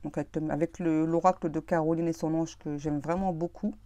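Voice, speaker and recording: Soft-spoken woman tarot reader, hesitant. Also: low voice, fairly even intonation, brisk, dry recording. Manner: hesitant, many fillers and restarts. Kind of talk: casual tarot reading monologue.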